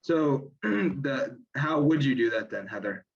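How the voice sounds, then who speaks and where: A man's voice: mid-range voice, expressive, slow pace, breathy edge, highs cut off. A man moderating a webinar discussion on a video call, asking questions hesitantly and repeating words.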